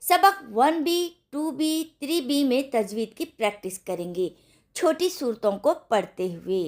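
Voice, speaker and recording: A woman teaching tajweed in an online lesson, explaining patiently, checking in with her students and sounding out syllables slowly for practice. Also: a little high. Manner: slow, patient teaching with repeated check-ins. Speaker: Quran recitation teacher.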